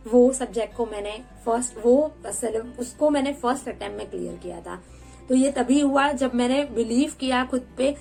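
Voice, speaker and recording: Young woman, twenties, personal vlog storytelling, higher voice, vocal fry. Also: a little mellow, low-quality recording. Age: 20s. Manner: candid storytelling, mixing in English words. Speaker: vlogger.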